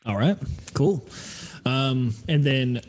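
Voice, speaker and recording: Slow-paced man running a tabletop game. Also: medium pitch, expressive, a little mellow, slight background noise. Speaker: game master. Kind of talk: narrating a tabletop role-playing game.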